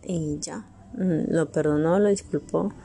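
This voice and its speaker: A young woman telling a personal family story in a hesitant, halting way, with frequent pauses and filler sounds. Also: deep voice, steady tone, vocal fry, dark tone, slight background noise.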